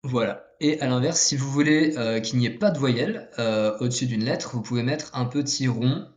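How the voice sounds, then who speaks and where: A man's voice: mid-range voice, moderate pace, a little mellow. Hesitant man explaining with many fillers. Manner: drawing on paper while explaining. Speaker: language teacher. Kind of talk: casual explainer video lesson.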